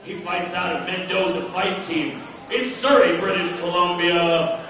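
A man's voice: high-pitched, steady tone, measured pace, a crowd in the background. A middle-aged man announcing a fight as a boxing ring announcer, projecting like a showman and drawing out the names in formal introductions. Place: indoor fight venue with ring. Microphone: handheld PA microphone, recorded from the audience. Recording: echoey noisy hall, far from mic.

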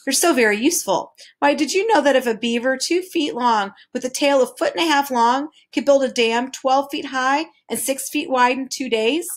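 A woman's voice: high voice, normal speed, hardly any pauses, close to an everyday voice. A woman voicing a fussy, precise male creature with twelve faces, lecturing in a storybook reading. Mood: scolding. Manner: lecturing, pedantic, exclamatory.

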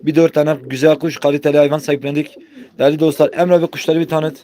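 A man hosting a live sales stream in an auctioneer-like pitch, repeating his assurances to viewers. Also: little pitch movement, fast talker, dark tone. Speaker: livestream host of a pigeon auction. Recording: background noise with pigeon sounds.

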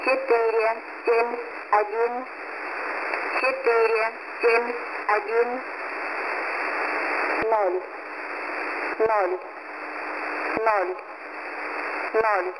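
Woman reading digits in a flat monotone. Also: fairly high pitch. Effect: shortwave radio broadcast. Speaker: numbers station announcer. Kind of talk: repeated number reading. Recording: static-laden shortwave radio reception.

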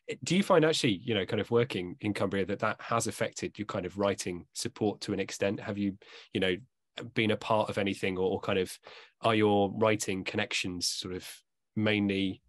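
A man's voice: lowish voice, brisk, dry recording, studio quality. A man in his thirties, a bookseller hosting an author talk, asking questions hesitantly with many restarts on a video call from home. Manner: hesitant, full of restarts and fillers. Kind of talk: casual video-call interview.

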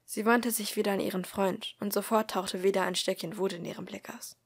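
Woman, audiobook reader, soft half-whispered narration, husky, mid pitch. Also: steady tone, fairly quick. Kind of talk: reading a fan fiction audiobook.

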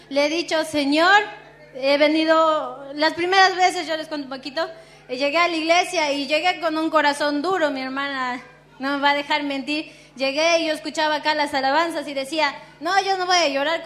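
A high-voiced woman tells her church testimony. Her telling is emotional and halting, with many pauses and fillers. She speaks to a congregation. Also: fairly bright tone. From Peru. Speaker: church member giving testimony.

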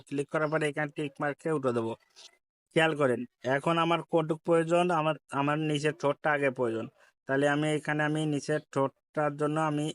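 A man's voice: a little high, a bit bright, dry recording, studio quality. A man with a Bangladeshi Bengali accent giving a step-by-step app tutorial, repeating each instruction and politely addressing viewers. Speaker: tech tutorial host. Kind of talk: screen-recorded app tutorial.

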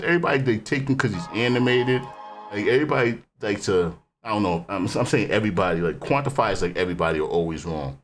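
A man hosting a music reaction channel who talks casually, rambling and animated, often dropping the word "man". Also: fairly low pitch.

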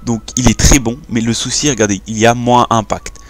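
A man's voice: mid-range voice, fairly even intonation, brisk. Casual young man explaining a game. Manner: informal, hesitant, restarts often. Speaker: gaming YouTuber. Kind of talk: casual screen-recorded game tutorial.

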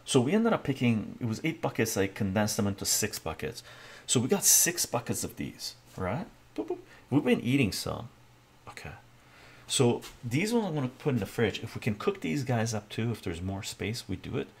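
An older man streaming live from his home kitchen, talking in a soft-spoken, relaxed way, reading viewer comments aloud and often ending with "right?". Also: medium pitch, moderate pace, breathy edge. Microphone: webcam framing at the counter.

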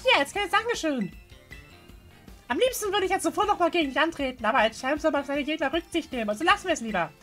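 A woman's voice: sits high, expressive, fast, bright, forceful tone, faint music behind. A woman voicing an eager, battle-hungry teenage girl champion from a video game. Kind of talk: dubbing video game dialogue.

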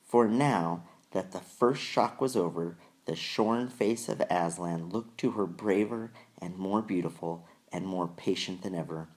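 A man reading a children's novel aloud in measured, deliberate storytelling narration. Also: low voice, darkish tone. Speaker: audiobook reader. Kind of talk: scripted narration.

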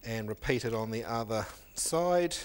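A man's voice: medium pitch, normal speed, heavy background noise. Middle-aged male chef explaining step by step. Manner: steady step-by-step explaining while working, with filler ums. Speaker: chef and cooking instructor. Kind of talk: cooking demonstration. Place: indoor teaching kitchen.

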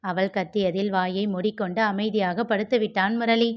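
A woman narrating a novel aloud and voicing its characters, expressive in her reading. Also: medium pitch, normal speed. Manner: expressive, switches between narration and character dialogue. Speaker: audiobook narrator. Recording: dull lo-fi recording.

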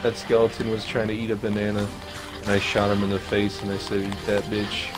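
Lowish-voiced guy trash talking his buddies while gaming, bit of music in the back. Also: completely flat delivery, fast, low-quality recording. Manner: crude, teasing banter. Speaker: gamer. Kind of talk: casual gaming chat.

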